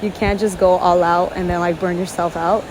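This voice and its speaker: A woman whose first language is Spanish vlogs to camera at a beach, earnest and chatty with many fillers. Her voice is lowish, flat and at normal speed, with background noise, recorded outdoors with loud waves behind her.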